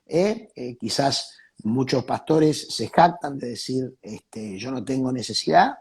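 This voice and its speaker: A man speaks as a pastor guest in a reflective faith talk. His voice is breathy and a little husky, at a middle pitch. He preaches in measured phrases and repeats the key ones for emphasis. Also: a little mellow.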